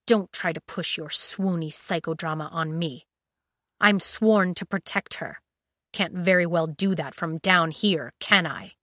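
A woman's voice: lowish voice, measured pace, fairly bright tone, no echo, studio quality. A woman voicing a surly, sarcastic young male royal guard. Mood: bitter. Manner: sarcastic, dismissive.

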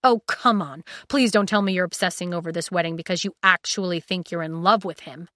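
Snarky young guard guy, dismissive, sharp and dry, as a woman reads him. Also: fairly low pitch, fairly quick, dry recording, natural voice. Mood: sarcastic. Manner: sarcastic, dismissive. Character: surly young male royal guard, sarcastic and loyal.

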